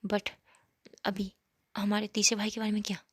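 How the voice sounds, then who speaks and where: A woman voicing a young man plotting with his brother, in a quiet, even delivery. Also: medium pitch, moderate pace, breathy edge, no echo, clean studio sound. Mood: scheming.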